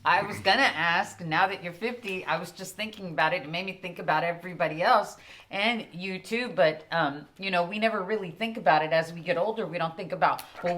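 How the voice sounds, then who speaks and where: A woman's voice: fairly low pitch, a bit bright. A Texan woman co-hosting a casual church podcast, chatting easily and teasing her partner. She laughs often and keeps the talk light. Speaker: podcast co-host. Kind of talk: casual chat.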